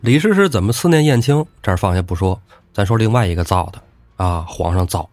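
A man's voice: fairly low pitch, expressive, quick pace, a little mellow, no echo. A man telling a classic tale comically, with playful, chatty asides. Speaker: storyteller host. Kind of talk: comic oral storytelling.

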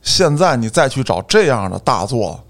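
A man's voice: medium pitch, very animated, moderate pace. A man chatting emphatically as a panelist on a talk show. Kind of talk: casual chat.

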